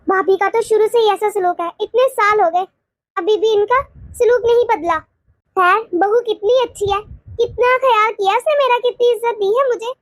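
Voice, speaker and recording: A woman voicing a gentle, grateful elderly aunt in a cartoon, chatty and mild. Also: extremely high pitch, moderate pace, no room sound, studio quality. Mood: musing. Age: older. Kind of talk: cartoon voice acting.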